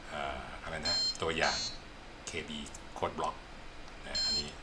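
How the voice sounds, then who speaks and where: A man with a very low voice walks through a screen-recorded coding lesson. He explains each block patiently and keeps asking if the viewer sees it. His desk mic picks up loud, steady background noise. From Thailand. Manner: unhurried, explains step by step, asks "see?" often. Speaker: teacher.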